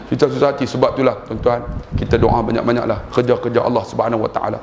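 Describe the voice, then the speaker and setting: A man's voice: mid-range voice, fast talker, slight background noise. A middle-aged Malaysian man giving a religious lecture to a congregation, telling stories with humor and acting out the people in them. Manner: animated storytelling, acting out quoted voices with humor. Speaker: preacher. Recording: roomy hall echo, faint ambience.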